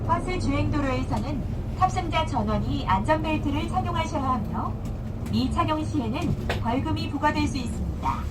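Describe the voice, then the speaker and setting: A woman giving a polite, formal safety announcement over a bus loudspeaker. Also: high voice, lively intonation, normal speed. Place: inside a moving intercity bus. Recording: distant speaker with loud road noise. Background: engine and road noise.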